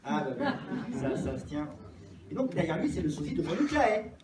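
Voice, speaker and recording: A man's voice: a little high, sing-song, a little fast. A man playing a mock-serious interviewer in an improvised comedy sketch, asking questions. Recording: echoey room recorded from a distance, loud noise.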